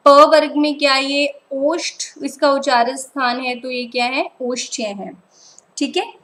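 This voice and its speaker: A woman's voice: high voice, measured pace, a bit bright, low-quality recording. A woman teacher, giving an online lecture over slides and patiently checking that students follow. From Punjab, India. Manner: patient, keeps repeating "ठीक है" to check understanding.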